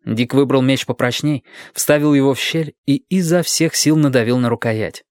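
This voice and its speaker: A man narrating an audiobook in a steady, even storytelling manner, close to the microphone. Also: mid-range voice, normal speed, no echo. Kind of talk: scripted narration.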